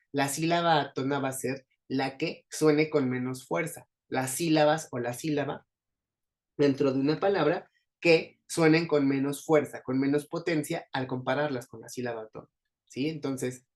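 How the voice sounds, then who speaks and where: A man with a Mexican Spanish accent teaching an exam-prep class, explaining patiently and checking in often with his students. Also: fairly high pitch. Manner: explains patiently, stresses syllables aloud, frequent "¿sí?" checks. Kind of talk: online class lecture.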